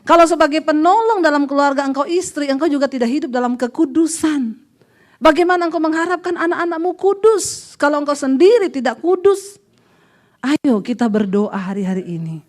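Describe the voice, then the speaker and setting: A middle-aged woman pastor preaching a sermon, telling stories and acting out dialogue with lively emphasis. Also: high-pitched, brisk.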